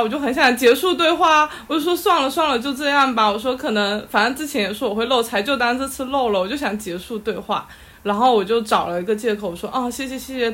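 Animated woman retelling an exasperating story. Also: a little high, husky. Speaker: guest telling a story. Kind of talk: casual storytelling chat. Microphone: live audio chat app.

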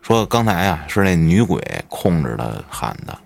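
A man's voice: sing-song, moderate pace, creaky. A man, a podcast host telling a ghost story in colloquial, swear-laden style. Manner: colloquial storyteller, swears often, dramatic swings in pitch.

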